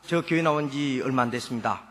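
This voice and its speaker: A man's voice: mid-range voice, fast talker, long reverb tail. A man from South Jeolla with a Jeolla dialect accent, a church elder giving a folksy, humorous testimony at a revival meeting. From Suncheon, South Jeolla, Korea. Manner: folksy, storytelling, playful dialect jokes.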